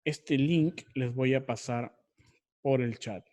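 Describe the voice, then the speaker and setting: A man's voice: medium pitch, slow, darkish tone. A man teaching an online research class, explaining step by step and often repeating or correcting himself.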